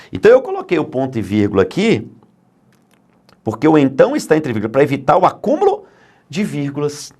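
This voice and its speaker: Lively, emphatic male grammar teacher. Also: medium pitch. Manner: emphatic, asks and answers his own questions. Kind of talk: grammar lecture for exam prep.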